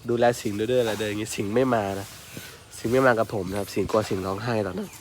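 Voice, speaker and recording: A man's voice: on the low side, racing, slight background noise. A man, telling a story in casual chat with frequent exclamations. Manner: animated, exclaims often. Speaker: elephant mahout and channel host.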